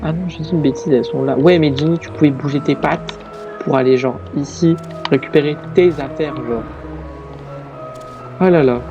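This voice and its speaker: A man's voice: fairly high pitch, normal speed, dull audio. Tired man chatting over a game. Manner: chatty, rambling asides. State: tired, yawning. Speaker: let's play gamer. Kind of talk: casual gameplay commentary. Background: game music.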